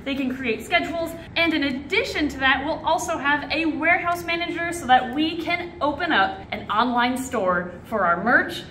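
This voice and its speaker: A young woman hosting a casual vlog tour in an animated, excited way, speaking in an echoey empty building. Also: high-pitched, moderate pace, hardly any pauses. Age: young adult. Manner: animated, excited, projecting on camera. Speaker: host giving a building tour. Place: large empty indoor warehouse and bare rooms. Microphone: camera mic at a short distance. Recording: echoey empty warehouse and rooms, noise.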